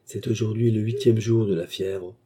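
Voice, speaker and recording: A man's voice: fairly low pitch, steady tone, moderate pace, mellow, natural voice. A man reading an audiobook, voicing a fake doctor who speaks with mock gravity. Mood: solemn. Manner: solemn, mock-grave. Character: fake doctor, grave and solemn, male.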